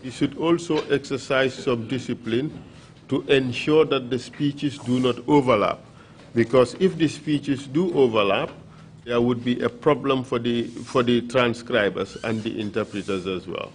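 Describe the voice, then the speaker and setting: Slow, measured male panel questioner. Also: medium pitch, slight background noise. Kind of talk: formal testimony questioning.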